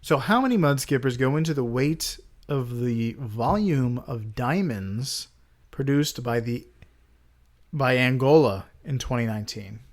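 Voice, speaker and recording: A man's voice: medium pitch, animated, measured pace. Man hosting a trivia quiz. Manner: reads trivia questions and hints in a plain, teasing way. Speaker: podcast host. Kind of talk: casual podcast quiz chat.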